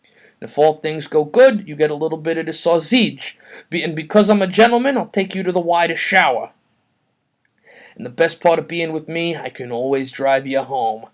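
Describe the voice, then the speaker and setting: A man voicing a short, hot-tempered New York man with a Brooklyn accent, shouting and ranting aggressively. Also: on the high side, expressive, normal speed, pitched below the performer's own voice, close to an everyday voice. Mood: smug.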